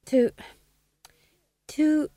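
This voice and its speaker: A woman's voice: warm tone, no echo. A woman doing a flustered boy actor. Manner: halting, stumbling. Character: flustered boy actor fumbling his lines.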